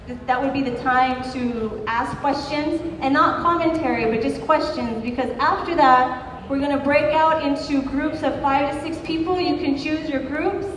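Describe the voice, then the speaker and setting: A high-voiced woman opens a community workshop and talks earnestly to the crowd. The sound is echoey and roomy, as if captured from far away in a large hall. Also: moderate pace. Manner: earnest, thanking, often restarting phrases. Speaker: workshop organizer. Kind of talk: introducing a workshop. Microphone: handheld microphone.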